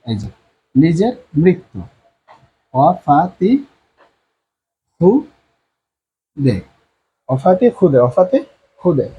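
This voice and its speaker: A man teaching a language lesson at a board, repeating each word slowly and often, with many drawn-out fillers and a Bangladeshi Bengali accent. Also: on the high side, warm tone, dull audio, slight background noise.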